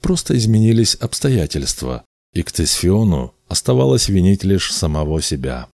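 Deep low male narrator reading a fairy tale, mellow dark tone, dry close mic, steady storyteller pace. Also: normal speed, vocal fry, dry recording. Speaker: audiobook narrator. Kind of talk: scripted narration.

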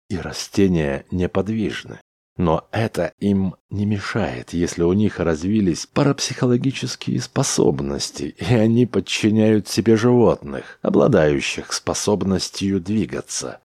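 A man reading science fiction aloud as an audiobook narrator, in an even, unhurried way. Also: low voice, no echo, studio quality. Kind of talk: scripted narration.

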